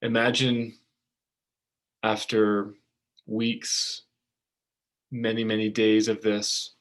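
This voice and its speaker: Slow soft-spoken male preacher. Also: on the low side. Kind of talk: storytelling sermon.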